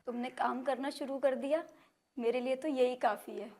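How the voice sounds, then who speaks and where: A devoted young village wife. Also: female voice, sits high, fairly even intonation, normal speed. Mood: loving. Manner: soft, affectionate.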